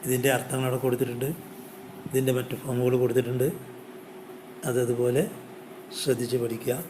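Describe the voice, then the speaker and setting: A man with a Malayali accent teaching English grammar online, reading word lists one at a time with pauses. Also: mid-range voice, completely flat delivery, noisy background. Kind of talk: slow, deliberate grammar lesson.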